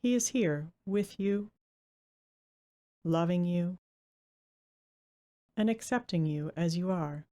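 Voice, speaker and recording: This is a female meditation guide whose lowish voice has very soft edges. She takes her time, speaking gently and pausing generously.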